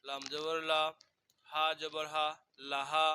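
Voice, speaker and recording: A man's voice: fairly high pitch, completely flat delivery, takes it slowly, pushed and bright, smooth, dry recording. A man teaching Quran reading with a Bangladeshi Bengali accent, spelling out each letter and vowel mark and then repeating the blended syllable. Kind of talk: slow spelled-out recitation drill.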